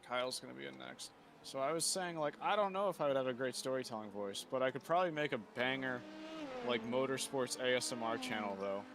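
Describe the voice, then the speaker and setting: A man chatting casually while sim racing, rambling and joking in a flat monotone way. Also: medium pitch, quick pace, vocal fry, background noise. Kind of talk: casual chat over voice comms.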